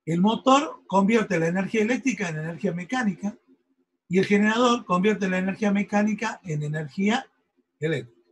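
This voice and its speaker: A man's voice: sits high, a little fast, breathy edge, low-quality recording. A man giving an engineering lecture, explaining step by step and often checking in with his students. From Argentina. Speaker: university lecturer.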